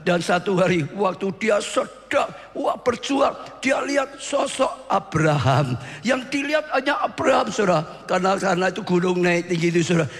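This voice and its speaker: A man preaches in a high-pitched voice, retelling a story dramatically and often swelling into shouts. His voice rings out with a long hall reverb, as in a large church. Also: sing-song, moderate pace, hardly any pauses. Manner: addresses listeners as saudara. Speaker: pastor. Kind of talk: sermon storytelling.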